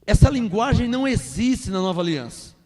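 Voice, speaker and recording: A man preaching a sermon as pastor, forceful and emphatic, pressing the congregation with rhetorical questions. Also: high-pitched, big pitch swings, fairly quick.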